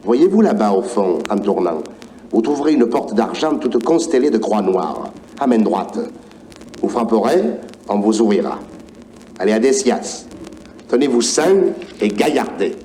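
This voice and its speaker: An actor with a Provençal accent playing a genial, obliging old male saint who keeps heaven's gate, in a high, lilting voice. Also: animated, unhurried, warm tone, slight background noise.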